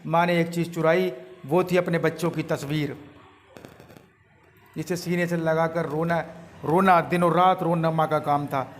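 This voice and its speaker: A male storyteller with a slightly high voice tells a moral tale earnestly. He drives his points home by repeating them, and a faint room ambience sits behind him. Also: fairly even intonation, unhurried, slight background noise. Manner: earnest, emphatic repetition.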